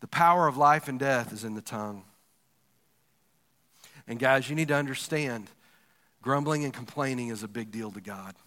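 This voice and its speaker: A male pastor preaching a lively, joking sermon and talking directly to the congregation in a church hall. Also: mid-range voice, normal speed, long pauses. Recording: long reverb of a large hall.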